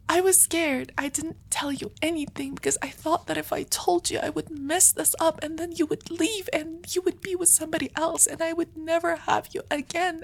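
In an intimate audio roleplay, a woman with a high-sitting voice plays an anxious, devoted young female vampire. She confesses her love in a soft, hesitant whisper.

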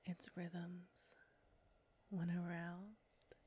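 A woman's voice: on the low side, flat delivery, dark tone, heavily acted. A woman voicing a whispering, taunting succubus. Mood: hushed seductive. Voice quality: whispery, breathy. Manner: slow, taunting, close to the ear. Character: seductive menacing female succubus, predatory and teasing. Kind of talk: erotic audio roleplay.

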